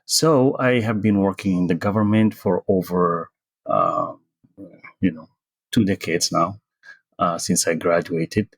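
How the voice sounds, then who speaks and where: A middle-aged man, born in Sudan and raised in the US, answering interview questions slowly and hesitantly, with many pauses. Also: deep voice, expressive, creaky, dry recording. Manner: hesitant, many fillers and restarts, slow pace. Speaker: interview guest, tech consultant.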